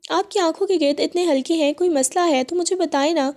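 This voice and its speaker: A woman's voice: very high voice, darkish tone. A woman reading a hurt, pleading young wife. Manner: pleading, emotional.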